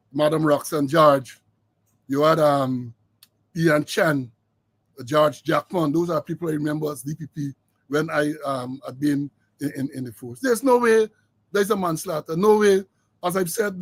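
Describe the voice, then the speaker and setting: A man's voice: high-pitched, no echo. An older man hosting a talk show, emphatic and given to repeating his words. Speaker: host. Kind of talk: casual chat.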